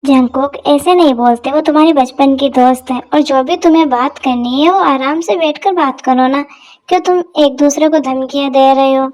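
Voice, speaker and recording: Woman doing a gently scolding mother. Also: high-pitched, moderate pace, lightly acted. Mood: reproving. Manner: gentle reproach. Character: calm middle-aged mother, gently reproving. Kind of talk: Hindi fan dub drama.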